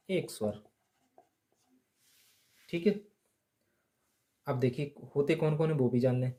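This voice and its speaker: Male grammar teacher, slow and deliberate, soft mellow tone, quizzes then answers himself. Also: a little high. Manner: asks questions then answers them himself, repeats key points. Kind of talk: slow blackboard lesson.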